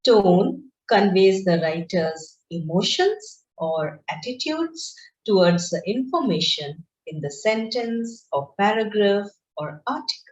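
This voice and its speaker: A woman teaches an online class at an unhurried pace. Her pitch rises and falls a great deal as she explains each point. The recording sounds roomy and a little muffled. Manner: slow, deliberate and explanatory, with lively pitch. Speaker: lecturer. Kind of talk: online lecture. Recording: roomy, dull lo-fi screen-share recording.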